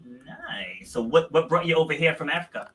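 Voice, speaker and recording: A man's voice: fairly high pitch, animated, normal speed, a bit bright. A man hosting a podcast, chatty and casual, often correcting himself and laughing at his own slips. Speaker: podcast host. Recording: distant from the mic.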